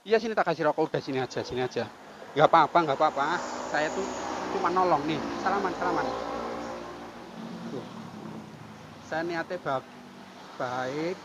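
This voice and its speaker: A man talks calmly and coaxingly to someone on a roadside, repeating soothing phrases. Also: fairly high pitch, normal speed, long pauses, muffled recording. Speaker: volunteer caring for a homeless man. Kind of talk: filmed street outreach, talking to a man on camera. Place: roadside outdoors near a market. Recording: outdoor traffic and insect noise.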